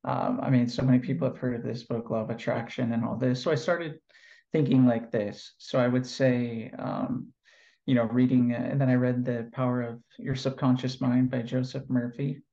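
A Californian NLP trainer answers interview questions about his work, relaxed and reflective, with lots of fillers and pauses. His mid-range voice is creaky, and the audio sounds dull.

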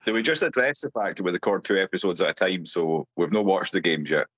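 Co-host, lower voice, deadpan; dry, slightly muffled recording. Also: male voice, quick pace, no room sound. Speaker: podcast co-host. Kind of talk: casual podcast chat.

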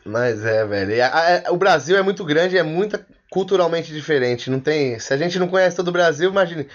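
A man with a Brazilian accent and a notably high voice hosts a casual podcast chat. He talks loosely, slangy and rambling. The sound is dull and lo-fi. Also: fairly quick. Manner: relaxed, slangy, loose run-on talk. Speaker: podcast host.

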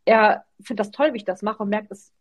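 A woman's voice: medium pitch, steady tone, fairly quick. A woman hosting a casual mom podcast, chatting freely and often tagging her sentences with a questioning "ne?". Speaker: podcast host. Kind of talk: casual chat.

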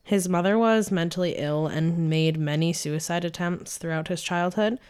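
A young woman from New York state hosting a casual true-crime podcast, chatty and quick to laugh as she tells the story. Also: on the low side, darkish tone, clean tone. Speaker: podcast host narrating the case.

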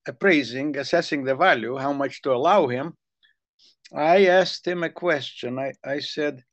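This older man, from the Ukrainian Soviet Republic and with a Hungarian accent, spins long, meandering tales in a relaxed chat. His voice sits a little high and his pace is measured. He tends to repeat words whenever he starts over.

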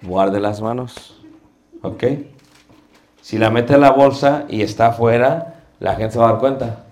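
Middle-aged guy lecturing a preaching class, real slow, asks the class questions. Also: mid-range voice, noisy background. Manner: slow, deliberate teaching with rhetorical questions. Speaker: homiletics teacher.

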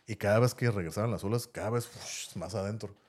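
Here a Mexican-accented podcast host talks at a quick pace, his fairly low voice darkish and slightly rough. He rambles while telling a story in relaxed chat, tagging things with "¿no?" and "así."

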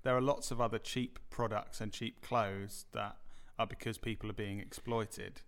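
A man co-hosting a podcast, telling stories with animated, laughing delivery. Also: on the low side, normal speed, gravelly. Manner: animated storyteller, laughs through anecdotes. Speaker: podcast co-host. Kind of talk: casual chat.

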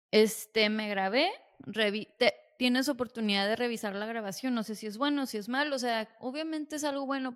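Chatty young Mexican woman, slightly high. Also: a bit bright. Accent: Mexican Spanish. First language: Spanish. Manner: chatty, self-deprecating, confiding. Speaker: podcast host. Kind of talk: personal reflection monologue.

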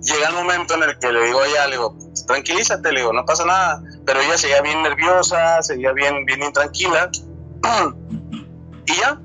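A young Mexican man in his twenties recounts a real experience in casual spoken Spanish, tripping over words and restarting often. His voice sits a bit high and sounds bright. Soft music plays faintly beneath him. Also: moderate pace, poor audio. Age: 20s. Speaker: storyteller sharing a true encounter.

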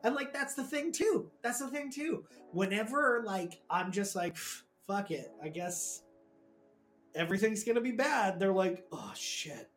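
A woman's voice: medium pitch, expressive, measured pace, soft background music. A woman co-hosting a comedy podcast, improvising a profane rant and often breaking into laughter. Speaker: podcast co-host.

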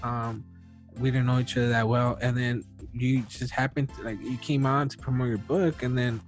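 A man in his early thirties hosts a podcast in a casual, rambling way, full of fillers and restarts. His mid-range voice holds a steady tone at a normal speed, with soft music playing in the background.

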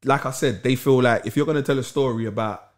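A man hosts a relaxed sit-down conversation. He talks in an easygoing way, circling back over his own phrases and dropping street slang. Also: medium pitch, quick pace. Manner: laid-back, repeats phrases, London slang. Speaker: podcast host. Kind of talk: casual chat.

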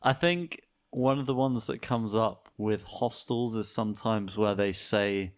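Brief: male co-host, slightly low voice, wry deadpan delivery. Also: measured pace. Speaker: podcast co-host. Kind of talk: casual chat.

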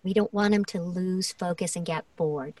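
A woman's voice: lowish voice, normal speed, a little mellow, recorded from a distance, slight background noise. A woman who works as a voice actor, speaking in an interview and sometimes acting out casting notes. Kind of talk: interview conversation.

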